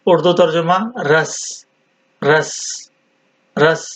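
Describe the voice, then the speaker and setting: Slow, high-voiced man drilling vocabulary. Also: little pitch movement. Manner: repeats each word several times, deliberate. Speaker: language teacher. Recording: dull lo-fi sound.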